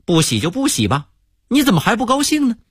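A man voicing a baffled, demanding American hotel guest who fires off rapid, indignant questions. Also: a little high, wildly swooping pitch, slightly rough, no room sound, studio quality, exaggerated voice.

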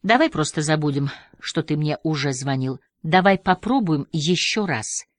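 A woman's voice: low-pitched, expressive, normal speed, no echo. A woman voicing an exasperated, sarcastic woman talking on the phone. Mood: weary. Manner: weary, sarcastic.

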